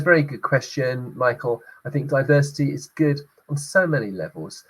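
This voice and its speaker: Still recovering from being sick, a middle-aged man hosts his business talk show in a croaky, mid-range voice. He sounds hesitant and uses lots of filler words, and the recording is rough.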